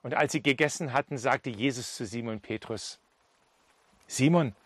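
A man's voice: mid-range voice, brisk, a bit bright, no echo. Emphatic storytelling male preacher. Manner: emphatic storytelling, retells and acts out Bible scenes. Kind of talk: sermon.

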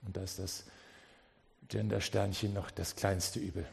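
A man delivering a church sermon has a gravelly, slightly rough voice, a level tone and a measured pace. He alternates hushed, low stretches with loud, climbing appeals, often repeating words and restarting.

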